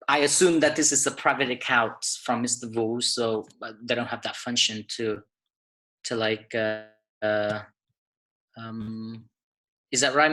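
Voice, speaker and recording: A man hosts a teachers' webinar from his computer mic. His voice is bright and forward, and he talks hesitantly, with many fillers and restarts. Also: mid-range voice, low-quality recording. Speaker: webinar host. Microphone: computer mic on a video call.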